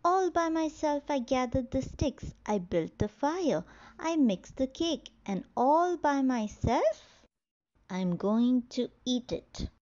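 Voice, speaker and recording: A woman's voice: high-pitched, expressive, slow, creaky, long pauses, a little mellow, lo-fi sound, pitched above the performer's own voice, exaggerated voice. A woman voicing a hardworking little red hen who clucks as she speaks, in a storybook reading. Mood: indignant. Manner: clucking "puck, puck".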